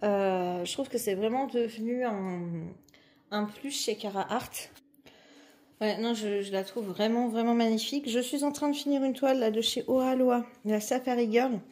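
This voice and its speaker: Chatty woman with a mellow voice. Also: a little high, normal speed. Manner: chatty and enthusiastic, with fillers and restarts. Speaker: diamond painting vlogger. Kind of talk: casual unboxing chat.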